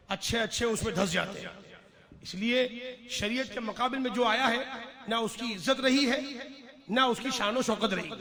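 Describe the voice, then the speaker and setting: A man preaching with a very high, ringing voice, his fervent oratory rising and falling in force. A gathered crowd murmurs clearly behind him throughout the live address. He sounds like a cleric giving a sermon at a religious gathering. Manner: fervent oratory, swinging from hushed storytelling to shouted declarations. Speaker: Islamic preacher.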